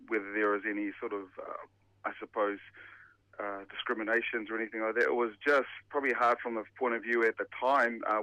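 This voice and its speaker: A man's voice: fairly low pitch, pushed and bright, no echo, rough recording. A man in his forties, born and raised in New Zealand, a pastor answering radio interview questions thoughtfully with many fillers and restarts. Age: 40s. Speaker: pastor and former rugby player.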